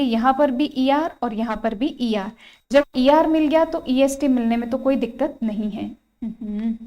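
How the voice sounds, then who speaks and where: A woman with a high, clear voice teaches an exam-prep grammar lesson. She spells out vowels one by one, repeats each rule and keeps checking with her students. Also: darkish tone. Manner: repeats points, asks students rhetorical questions, spells out vowels. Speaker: English teacher.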